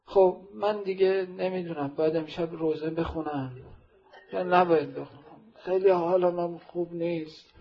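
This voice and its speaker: A fairly high, husky male preacher tells a sacred story at a mourning gathering. His delivery swings between hushed narration and loud, impassioned outbursts. The recording sounds dull and lo-fi. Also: fairly even intonation. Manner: swells from quiet narration to loud impassioned calls. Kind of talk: emotional religious storytelling sermon.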